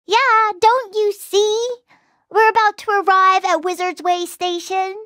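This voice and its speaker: A woman's voice: extremely high pitch, flat delivery, unhurried, pushed and bright, no echo, studio quality, exaggerated voice. A woman voicing a playful, carefree young cookie train conductor in a video game, with a cutesy, breezy delivery. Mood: cheerful. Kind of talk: video game cutscene voice acting.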